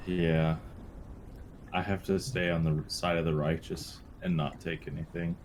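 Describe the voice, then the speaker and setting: A man's voice: low voice, little pitch movement, a little slow, darkish tone, slight background noise. A man playing in a casual tabletop game, easygoing and laughing along with his friends. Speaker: player.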